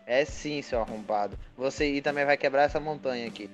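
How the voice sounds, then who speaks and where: A young man talks at a rapid clip, ordering his friends around in a casual gaming chat. He curses freely and takes charge. Faint music plays underneath. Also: medium pitch. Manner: bossy, cursing, rapid-fire. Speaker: podcast host and server admin.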